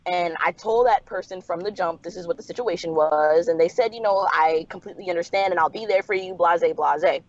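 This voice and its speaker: A woman's voice: lowish voice, a little fast, few pauses, muffled recording. A woman calling in on a call line that keeps breaking up and cutting out, candidly telling a personal story in casual chat. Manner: candid, matter-of-fact storytelling. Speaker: caller. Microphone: phone call.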